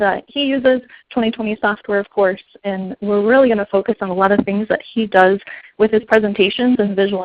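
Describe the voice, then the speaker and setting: A woman's voice: mid-range voice, no echo. An upbeat woman hosts a webinar interview in a casual, encouraging way. The audio is dry and a little muffled, like a web call. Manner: upbeat and encouraging, with frequent fillers. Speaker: webinar host.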